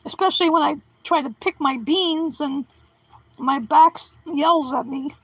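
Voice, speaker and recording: A middle-aged woman with a high voice chats on her livestream, replying to viewers and tossing out silly puns and jokes at her own expense. The sound is dry and close, with no room echo. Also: measured pace, a bit bright. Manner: goofy, joking, punning, self-deprecating. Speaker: livestream host reading chat. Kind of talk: casual livestream chat.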